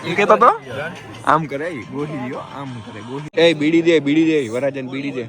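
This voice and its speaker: A man's voice: on the high side, expressive, normal speed, over music. A man vlogging a friend's wedding outdoors, joking and ribbing his friends as he films on a handheld phone. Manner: teasing, joking banter with friends. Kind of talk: casual handheld wedding vlog. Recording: loud crowd chatter around.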